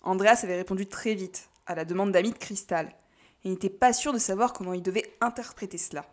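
A woman narrating a novel in a calm, measured reading voice. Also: medium pitch. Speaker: audiobook narrator. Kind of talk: scripted narration.

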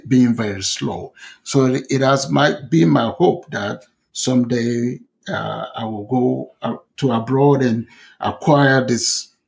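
A man's voice: medium pitch, gravelly. A middle-aged man from Ghana with a Ghanaian accent, telling his story as an interview guest, hesitant with many fillers and restarts. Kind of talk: conversational storytelling.

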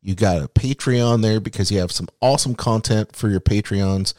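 Male podcast host, lower pitch, dry close sound, relaxed friendly hosting. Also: normal speed, dry recording. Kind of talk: casual interview hosting.

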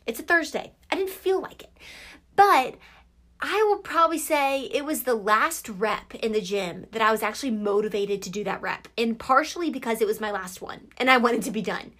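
Young woman doing a motivational podcast in her closet, highish voice, super casual n emphatic, repeats stuff for effect. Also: a bit bright. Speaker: podcast host and nutrition coach.

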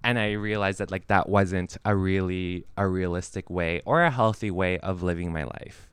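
A young man with a fairly low, smooth, resonant voice chats casually. He rambles, circling back with fillers and restarts as he thinks aloud. The sound is dry and close, with no room around it. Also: fairly even intonation, moderate pace, a bit bright, no echo. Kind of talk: casual chat. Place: apartment.

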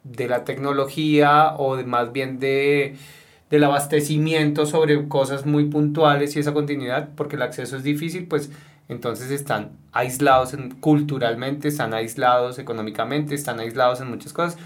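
A man's voice: medium pitch, fairly even intonation, moderate pace. Hesitant, wordy man hosting an interview. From Colombia. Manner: wordy, hesitant, gives lots of context before asking. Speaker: interviewer, teacher. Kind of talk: conversational interview.

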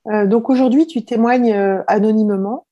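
A woman interviewer asking calm questions. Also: a little high, normal speed, no room sound, muffled recording.

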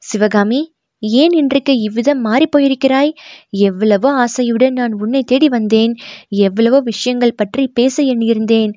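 A woman's voice: on the high side, normal speed, dark tone, no echo, natural voice. A proud young prince speaks, hurt and stung, as a woman reading the story puts him on. The voice sits only a little above her own. The recording is close and dry. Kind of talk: audiobook narration of a historical novel.

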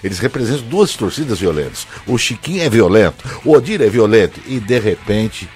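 Brief: man with a lively, swooping voice, teasing co-host on morning radio. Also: fairly low pitch, a little fast. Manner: teasing, storytelling, animated. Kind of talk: comic radio banter.

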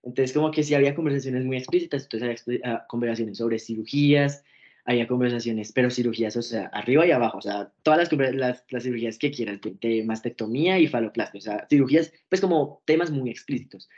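Young guy talking fast, casual story as a guest, does the voices of people in it, kinda muffled lo-fi sound. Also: medium pitch. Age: young adult. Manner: animated, acts out quoted dialogue. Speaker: interview guest.

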